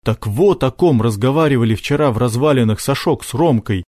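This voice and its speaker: A man's voice: mid-range voice, lively intonation, fairly quick, a little mellow, dry recording. Man narrating an audiobook, dry and close.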